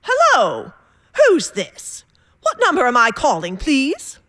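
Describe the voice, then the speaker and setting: An actress playing an anxious, querulous invalid wife in a radio drama, fretful and insistent. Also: female voice, high voice, huge pitch swings, slow, a bit bright, dry recording, clean studio sound, full character voice. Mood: agitated.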